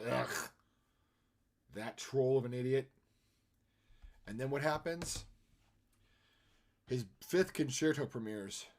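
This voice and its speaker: A man's voice: lowish voice, a little mellow. A man chatting casually on a live stream as he draws, self-deprecating and given to humming melodies. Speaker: streamer and artist. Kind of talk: casual live-stream chat while drawing.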